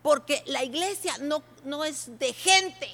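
A woman pastor preaching a sermon, speaking animatedly and directly to the congregation, at times breaking into shouts. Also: sits high, takes it slowly. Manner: animated, addresses listeners directly, bursts into shouts.

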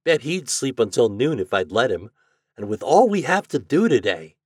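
A man reading a children's story aloud, voicing a mischievous boy who loves playing tricks, with a raised, excited delivery. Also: normal speed, husky, no echo, studio quality. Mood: playful. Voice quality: excited, high and loud. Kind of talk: audiobook character voice.

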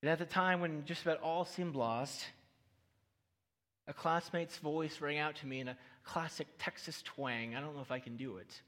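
Male preacher, story-driven sermon with gentle humor, slightly high voice, long hall reverb. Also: normal speed. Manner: personal storytelling with light humor, addressing the audience.

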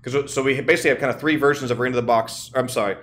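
A man's voice: medium pitch, fairly even intonation, rapid-fire, fairly bright tone, slight background noise. Joking man co-hosting a casual podcast. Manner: jokey, colloquial, teasing. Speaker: podcast co-host.

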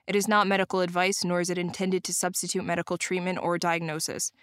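A woman reading a legal disclaimer in a brisk, even voice. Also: on the low side, clean tone, dry recording, clean studio sound. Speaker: disclaimer announcer.

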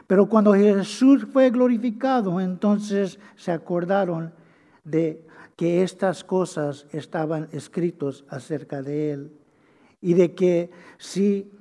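A man preaching a sermon as pastor, swinging between loud proclaiming and hushed low passages, repeating key phrases and sometimes stumbling over words. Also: in a large hall.

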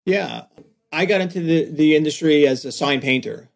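Animated New York man telling stories. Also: fairly high pitch, normal speed, creaky. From Staten Island, New York. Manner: animated storyteller, many fillers and restarts. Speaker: guest, design agency founder. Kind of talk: casual podcast interview.

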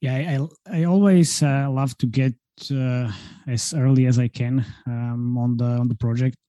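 A man from Slovakia, a guest marketing consultant, talking casually over a video call from a room at home, relaxed and chatty with frequent fillers and laughs. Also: medium pitch, measured pace, no room sound. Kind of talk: casual interview talk.

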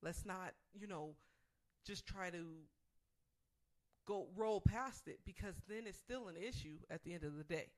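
A woman's voice: fairly low pitch, a little slow, a little mellow. A woman co-hosting a talk show, giving casual relationship advice in an earnest, emphatic way and restating her points.

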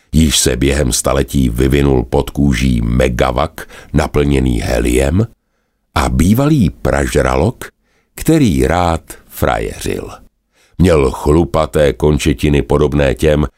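A man with an extremely deep voice narrates a fairy tale, swinging his pitch widely and expressively. The recording is dry and close. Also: dry recording. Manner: lively, expressive telling. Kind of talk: storybook narration.

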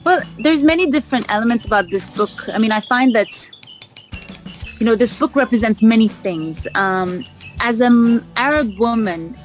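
A woman's voice: a little high, normal speed, faint music behind. A woman raised in Canada answering radio interview questions about her cookbook, talking in an enthusiastic way with frequent "um"s and restarts. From raised in Vancouver, Canada. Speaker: cookbook author, interview guest.

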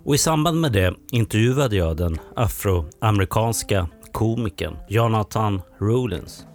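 Low-voiced male podcast host over faint guitar. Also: expressive, normal speed. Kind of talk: scripted narration and interview questions. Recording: faint guitar music behind. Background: guitar music.

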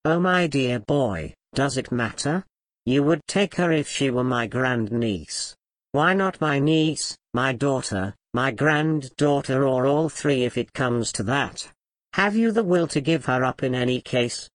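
A man's voice: mid-range voice, animated, unhurried, no room sound, pitched above the performer's own voice, close to an everyday voice. A man putting on a sly, malevolent old grandfather. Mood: taunting. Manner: sly, taunting.

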